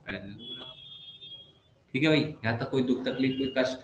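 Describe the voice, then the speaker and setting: A man's voice: medium pitch, a little fast, highs cut off. Male maths tutor, playful, teasing, chatty; roomy echo, faint hiss behind. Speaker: maths teacher. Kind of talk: online class lecture. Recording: echoey room with faint background noise.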